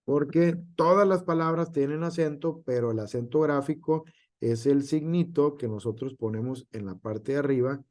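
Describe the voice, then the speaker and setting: A man's voice: fairly high pitch, normal speed, a little mellow. A male teacher gives an online class, with frequent hesitations and filler words.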